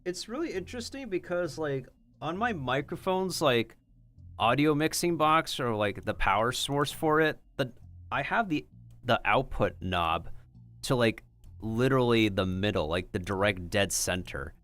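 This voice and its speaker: A man's voice: mid-range voice, animated, measured pace, a bit bright, soft background music. A man hosting a livestream, chatting casually in a rambling way peppered with filler words. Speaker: streamer and host.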